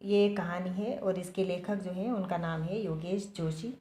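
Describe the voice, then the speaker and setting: A woman's voice: fairly low pitch, steady tone, a little slow, mellow. A woman teacher reading and explaining a story to young pupils, often asking them questions. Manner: explanatory, asks the children questions. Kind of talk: children's lesson, story retelling. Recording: echoey room.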